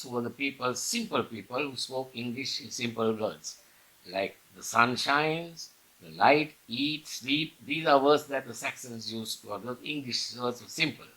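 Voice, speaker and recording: A man teaching an English grammar lesson, explaining slowly and repeating key words, with the odd cough. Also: mid-range voice, bright, forceful tone, rough recording. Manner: occasional coughs and throat clearing.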